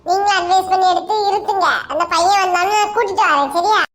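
A reasonable young son-in-law who calms the quarrelling family, voiced by a woman. He has a Kanyakumari Tamil accent and speaks quickly in a soothing, polite tone. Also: extremely high pitch, noisy background. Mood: calming.

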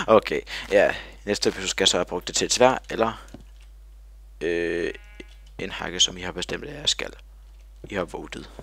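Low, gravelly man rambling over gameplay. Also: fairly bright tone. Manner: rambling and silly, full of fillers. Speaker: gamer. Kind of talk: video game commentary.

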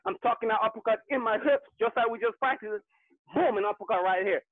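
High-voiced male boxing coach calling combos. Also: quick pace, dry recording. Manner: informal, encouraging. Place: online group video class. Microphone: video call. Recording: tinny phone-like video-call audio.

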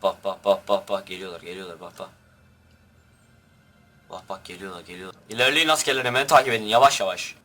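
A man's voice: mid-range voice, bright, forceful tone, slight background noise. A young man giving rowdy, crude commentary over his own gameplay and barking orders at his troops. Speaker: gaming youtuber.

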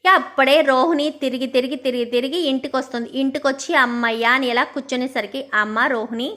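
Bright high-voiced woman retelling a story. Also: fairly even intonation, brisk. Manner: narrates and quotes every character in her own voice. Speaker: storyteller retelling a serial episode. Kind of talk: casual spoken story recap.

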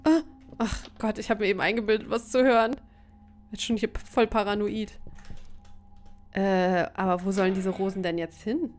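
A woman's voice: medium pitch, fairly even intonation, moderate pace, long pauses, a little mellow, a little hiss or hum. A woman giving casual commentary while playing a game, thinking aloud and searching for words. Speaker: let's player.

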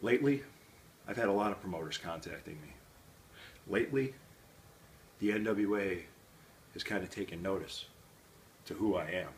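A middle-aged man delivering a wrestling promo as a pro wrestler, boastful and confrontational, with emphatic pauses. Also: deep voice. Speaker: professional wrestler. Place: small plain indoor room with a banner. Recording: faint background room noise.

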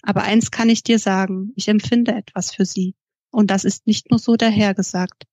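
A woman's voice: medium pitch, steady tone, normal speed, a little mellow, no room sound, lightly acted. A woman reading an earnest, pleading older brother. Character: restless musician, older brother, man, insistent.

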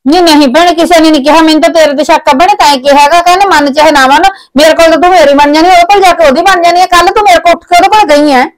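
A woman's voice: very high-pitched, steady tone, very fast, few pauses, low-quality recording. An actress playing an aging mother neglected by her son and daughter-in-law, talking in a complaining, reproachful way in a village drama. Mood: accusing. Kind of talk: village web drama acting.

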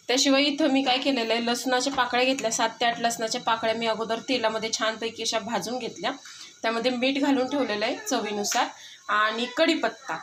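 Chatty woman in a noisy home. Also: a little high. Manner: chatty, rambling, frequent fillers and self-corrections. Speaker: vlogger. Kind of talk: casual home vlog chat.

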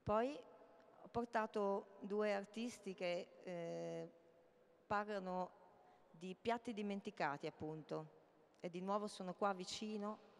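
Brief: middle-aged woman artist, hesitant public talk, smooth clear voice, reverberant hall. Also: mid-range voice. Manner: halting, with many hesitations. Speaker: artist presenting her projects. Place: large hall, indoors. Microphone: handheld mic. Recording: long reverb of a large hall.

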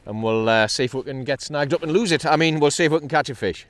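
On the high side and fast-talking, with no echo, a North East England man chats cheerfully from his kayak at sea for a fishing vlog. An action camera fixed to the kayak captures him, and he breaks into excited bursts whenever a fish is hooked.

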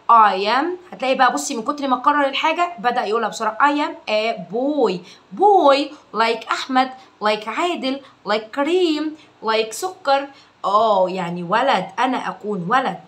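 A woman's voice: fairly high pitch, a bit bright. A woman with an Egyptian Arabic accent teaching English to young children, repeating words several times and coaxing the parents who watch in a playful way. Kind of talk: online lesson video for parents.

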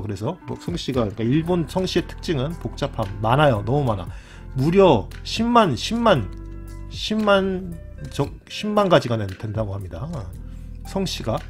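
Guy teaching casually, keeps repeating words and going "right?", pitch jumps around a lot, quiet guitar music behind. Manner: repeats key words, constant tag questions. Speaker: lecturer on a channel. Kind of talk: casual explanatory lesson. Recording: faint background music.

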